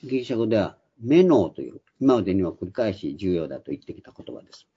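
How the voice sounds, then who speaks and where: Older man, husky and dark-voiced. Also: fairly low pitch, big pitch swings, quick pace. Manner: explanatory, with frequent hesitant fillers. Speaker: Bible teacher. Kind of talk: Bible study lecture. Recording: dull lo-fi recording.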